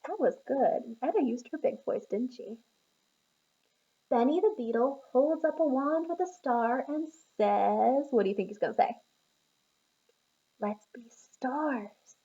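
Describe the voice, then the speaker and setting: A woman teacher reading a picture book aloud to young children, encouraging and pausing to ask them questions. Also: high voice, lively intonation, warm tone, muffled recording.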